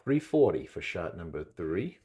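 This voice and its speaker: A man's voice: low-pitched, big pitch swings, measured pace, heavy background noise. A man with a New England accent, casually narrating a hands-on gear test, calling out readings with chatty, rambling asides. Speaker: channel host testing gear.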